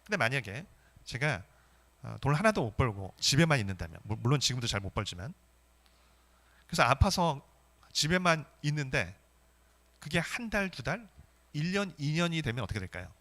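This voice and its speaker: A man preaching a Sunday sermon as pastor, emphatic and animated, asking the congregation rhetorical questions. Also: mid-range voice, a little fast, long pauses.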